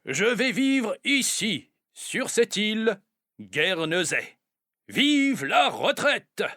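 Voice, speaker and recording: A man's voice: high-pitched, very animated, very slow, pushed and bright, dry recording, studio quality, pitched above the performer's own voice, exaggerated voice. A man playing a cheerful retired seaman. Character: retired male sea captain, cheerful and settled.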